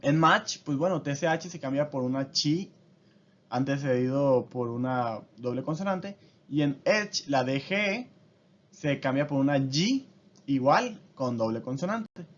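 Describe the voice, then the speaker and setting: A man's voice: mid-range voice, expressive, measured pace. A man teaching a casual lesson, explaining step by step and often checking in with his listeners. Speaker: language teacher. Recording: dull lo-fi audio.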